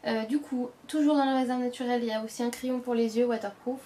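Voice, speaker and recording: A woman's voice: fairly high pitch, steady tone, fast, dark tone, a little hiss or hum. A young woman, chatting casually as a beauty vlogger, with many fillers and self-corrections. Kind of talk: casual product show-and-tell.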